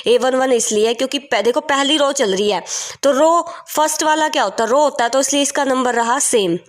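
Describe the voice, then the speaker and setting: A woman's voice: sits high, brisk. A woman teaching a maths lesson step by step, often repeating points and asking the class questions.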